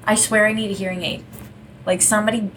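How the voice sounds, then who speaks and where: A woman with a mid-pitched voice chats casually as a podcast co-host. Her talk is slangy and joking, recorded with clearly audible noise behind it. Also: level tone, fast talker. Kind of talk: casual chat. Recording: clearly noisy room recording.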